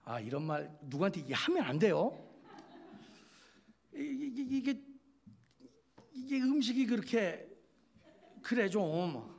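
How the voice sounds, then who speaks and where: A man's voice: high-pitched, big pitch swings, slow pace, gravelly, long pauses. A male pastor giving a chatty, joking sermon, speaking straight to his listeners and acting out little quoted scenes.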